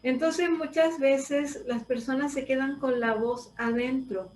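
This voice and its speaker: A woman speaks in a high, light voice, setting out her ideas slowly and thoughtfully as a voice teacher. She sits away from the microphone in a roomy, echoing space, with faint ambience behind her. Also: steady tone, darkish tone, distant mic. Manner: explanatory, thoughtful, with pauses. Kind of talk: reflective conversation.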